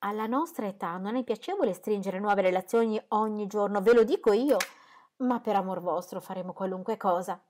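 A woman reading aloud, voicing a fussy, excitable middle-aged mother who complains about her nerves. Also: mid-range voice, brisk, slight background noise, close to an everyday voice. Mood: delighted. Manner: exclamatory and complaining.

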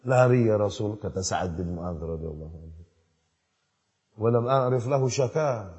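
A man preaching a sermon in storytelling mode, acting out the dialogue and rising to loud emphasis. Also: fairly low pitch, expressive, normal speed, husky. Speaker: Islamic preacher. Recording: dull lo-fi recording in a reverberant hall.

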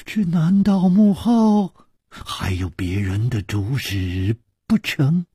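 A man's voice: medium pitch, very animated, takes it slowly, dark tone, husky, dry recording, studio quality, heavily acted. A man voicing an earnest young swordsman who explains eagerly and exclaims often. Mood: puzzled. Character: earnest young male swordsman, proud heir.

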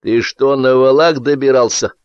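A man reading an audiobook, voicing a grumpy, suspicious older male official who talks gruffly and irritably. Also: medium pitch, steady tone, moderate pace, no echo, muffled recording, pitched above the performer's own voice, close to an everyday voice. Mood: irritable.

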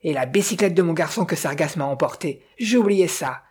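A reader voicing a rustic village innkeeper from a detective novel, a man who exclaims and doubts, with a husky voice. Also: mid-range voice, lively intonation, fairly quick, darkish tone. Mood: exclaiming. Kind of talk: audiobook character reading.

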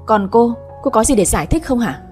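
A woman voicing a stern old grandmother who rules the family, speaking in a sharp, scolding tone. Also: a little high, brisk, soft background music, close to an everyday voice.

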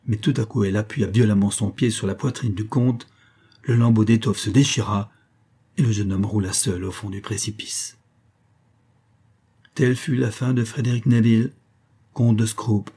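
A man narrating a literary story in a measured, even storytelling manner. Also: fairly low pitch, husky. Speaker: audiobook narrator. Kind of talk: scripted narration.

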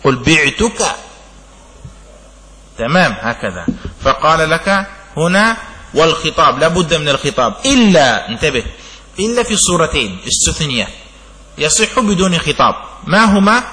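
A man teaching jurisprudence as a sheikh in a classroom lecture. He reads each line of the text slowly, then explains it with everyday examples and keeps checking that his students follow. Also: a little high, sing-song, sharp tone. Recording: long hall reverb.

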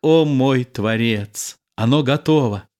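Male reader playing an anxious young soldier, higher and more urgent than his own voice. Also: slow, darkish tone, lightly acted. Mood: eager.

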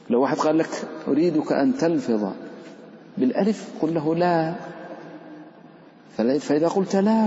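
A mellow, soft-edged male sheikh teaching recitation in a relaxed, chatty way. He asks his students questions and acts out the letters as if they could speak. The sound is dull and lo-fi, with a long hall reverb trailing each phrase. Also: mid-range voice, slight background noise. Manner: conversational, quizzes students and personifies letters. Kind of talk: classroom explanation to students.

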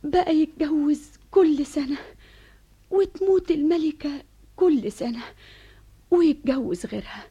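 A woman's voice: high voice, a little slow, long pauses, mellow. An anxious, tender queen mother. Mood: confiding. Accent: Egyptian Arabic. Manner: soothing, confiding, sometimes whispering. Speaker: radio drama actress. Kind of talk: vintage radio drama acting. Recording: dull old radio broadcast.

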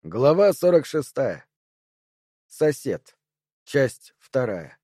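A man narrating an audiobook in a steady storytelling manner. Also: medium pitch, drawn-out words, slightly rough, no echo, clean studio sound.

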